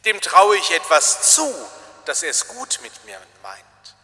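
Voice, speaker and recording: A man giving a reflective sermon as a preacher, speaking slowly, deliberately and with emphasis. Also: high-pitched, huge pitch swings, pushed and bright. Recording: long hall reverb.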